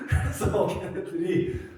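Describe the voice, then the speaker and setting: A young man preaching as a youth pastor, telling a personal story in an animated, confessional way with frequent laughter, recorded in a church sanctuary. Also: sits high. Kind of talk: storytelling sermon. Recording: very echoey hall, voice far from mic.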